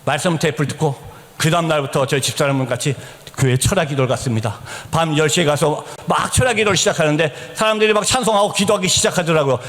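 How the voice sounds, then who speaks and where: A middle-aged man, a missionary, telling his conversion story as a church testimony in an animated, storytelling way that rises to shouts. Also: on the high side, quick pace. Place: church sanctuary. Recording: church hall reverb.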